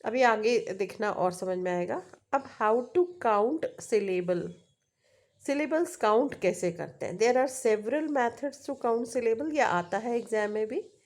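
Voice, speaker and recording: A woman with an Indian accent teaching English, mixing in Hindi and drawing out example words slowly, often checking in with the viewer. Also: a little high, lively intonation, darkish tone. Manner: slow, drawn-out pronunciation of example words; frequent "है ना?" check-ins to the viewer. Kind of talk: Hindi-English mixed lesson on syllables.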